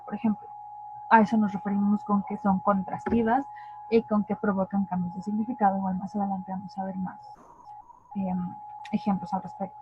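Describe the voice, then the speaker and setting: A woman with a Mexican Spanish accent giving an online linguistics lesson, explaining step by step and asking her class rhetorical questions. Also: mid-range voice. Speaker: linguistics tutor. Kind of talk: online lecture. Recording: dry, phone-like narrow sound.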